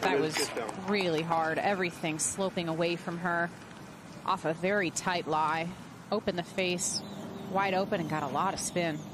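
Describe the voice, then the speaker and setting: A woman's voice: on the low side, steady tone, moderate pace. A woman commentating live on golf as an analyst, explaining shots and technique. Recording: loud outdoor noise behind voice. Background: loud outdoor noise.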